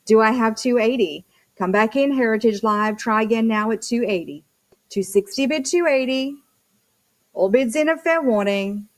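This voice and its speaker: A woman's voice: a little high, moderate pace. A woman working as a live auctioneer, chanting bid numbers and prompts between short descriptions of the lots.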